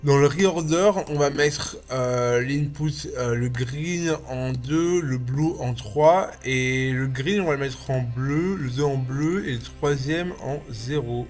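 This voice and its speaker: Slow-talking man with a slight lisp. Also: medium pitch, a little mellow, faint music behind. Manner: informal, step-by-step, thinking aloud. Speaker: tutorial host, video artist and VJ. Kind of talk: casual software tutorial. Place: small indoor home studio.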